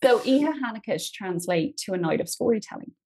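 Speaking with lively intonation and a husky, mid-range voice, a young Irish woman talks a little fast as a guest on a podcast. In her Irish accent she swaps family stories in casual conversation, chatty and quick to laugh, her level rising and falling between loud and quiet.

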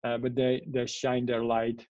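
The Dutch guest, an AI strategist and author, talks a little slowly in a darkish mid-range voice with completely flat delivery. His long interview explanations are thick with fillers and "yeah?" checks, recorded dry with the highs cut off.

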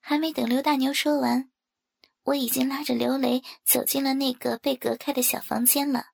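A woman narrating a first-person story in a soft, even reading manner. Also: high voice, moderate pace, gravelly. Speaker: audiobook narrator.

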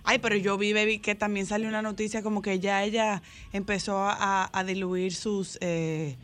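A woman's voice: medium pitch, flat delivery, moderate pace. A woman co-hosting a radio show, chatting about gossip and calling the others baby. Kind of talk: casual celebrity gossip chat.

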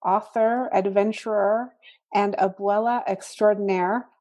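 A middle-aged woman hosting a podcast, prompting her guest with gentle restarts and reading a promo. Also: mid-range voice, fairly even intonation, measured pace. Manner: warm prompting, hesitant restarts. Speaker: podcast host. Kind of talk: interview and ad read.

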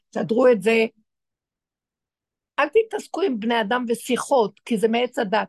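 A woman's voice: on the high side, gravelly, no echo. A woman teaching spiritual matters to a group of women, speaking emphatically and asking many rhetorical questions. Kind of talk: religious talk to women.

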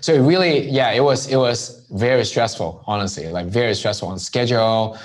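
An entrepreneur who grew up in Hong Kong speaks briskly in a medium-pitched voice as a guest in a conversational interview. He tells his story casually and keeps checking in with "right?"

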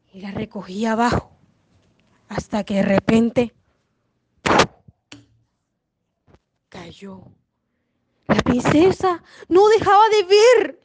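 A woman telling a fairy tale in an expressive storytelling style, with sudden loud and soft turns. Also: high voice. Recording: noisy home recording.

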